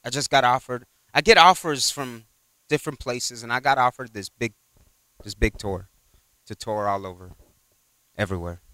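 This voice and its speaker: Bright, clear-voiced man preaching casually. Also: mid-range voice, normal speed, long pauses, no echo. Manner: rambling, full of "you know" and retold exchanges. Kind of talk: conversational sermon.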